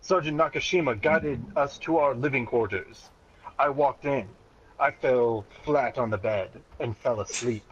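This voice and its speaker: A man with a medium-pitched voice reads a childhood story aloud at a measured pace, playing it mock-serious and dramatic while often nearly breaking into laughter. The recording is dull and lo-fi, with clear background noise.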